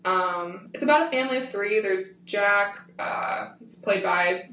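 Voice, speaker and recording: A woman co-hosting a casual podcast, steadily explaining and recounting with the odd filler. Her voice sits at a middle pitch. She is off the mic in an echoing room with a faint hiss behind her. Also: measured pace, sharp tone. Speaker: podcast co-host. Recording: echoey room, distant from the mic, faint noise.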